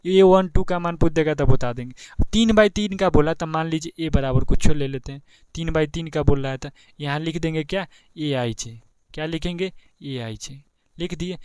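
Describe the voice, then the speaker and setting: A young man with a Bihari Hindi accent teaches a maths lesson in a chatty, repetitive way, checking in with the class again and again. His voice sits a little high and sounds smooth and clear. It is recorded close and dry, with no room sound. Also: normal speed, darkish tone, no room sound. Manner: chatty, repeats steps, keeps asking "ठीक है ना". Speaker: math teacher. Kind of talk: board exam tutorial.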